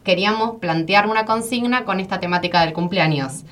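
A woman's voice: mid-range voice, fairly quick, a bit bright. A woman with an Argentine accent co-hosting a radio show, speaking cheerfully and fluently. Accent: Argentine Spanish. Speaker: radio co-host. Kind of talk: casual radio chat.

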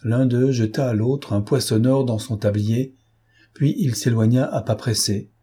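A man reading a novel aloud as an audiobook narrator, in a measured, even storytelling manner. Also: mid-range voice, breathy edge. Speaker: audiobook reader. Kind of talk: scripted literary narration.

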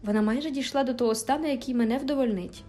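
A woman's voice: on the high side, quick pace, faint music behind, voice pushed up, close to an everyday voice. A woman reading aloud and voicing a cruel, vengeful man who speaks in a menacing, commanding way. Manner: menacing, commanding, louder than narration.

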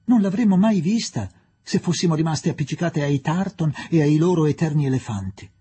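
Un uomo che fa la voce di una giovane inglese entusiasta. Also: male voice, a little high, lively intonation, a little fast, warm tone, husky, voice pushed up. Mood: excited. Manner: breathless, exclaiming. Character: eager young English woman, enthusiastic.

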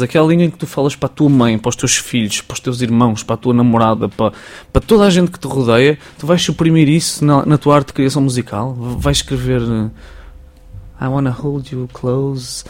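Man, European Portuguese accent, young adult, musician guest, quick, chatty, repetitive. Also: mid-range voice. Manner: chatty, animated, repeats "estás a perceber". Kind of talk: casual radio interview.

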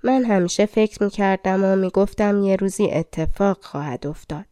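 A woman's voice: medium pitch, mellow, clean tone, no echo, clean studio sound, close to an everyday voice. A woman reading as a weary old cobbler. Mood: grieving. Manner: sorrowful, lamenting.

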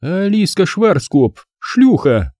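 A man's voice: high-pitched, big pitch swings, slow pace, darkish tone, husky, no room sound, studio quality, voice pushed up, heavily acted. A man reading an audiobook voices a spiteful, scheming young woman who taunts and sneers. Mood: gloating mockery.

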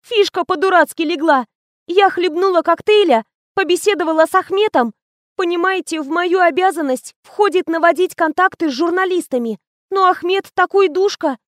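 A woman's voice: very high-pitched, moderate pace, dry recording, clean studio sound, pitched above the performer's own voice. A woman reading an audiobook, voicing a silly, gushing young female PR assistant in a whiny, chattering manner.

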